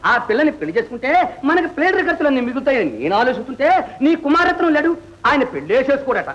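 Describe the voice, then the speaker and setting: A man's voice: very high-pitched, big pitch swings, fast, heavily acted. A blustering stingy old-film father. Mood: indignant. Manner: loud, bossy, stammers when scared. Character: blustering stingy middle-aged father haggling over a marriage. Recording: dull old film soundtrack with faint hiss.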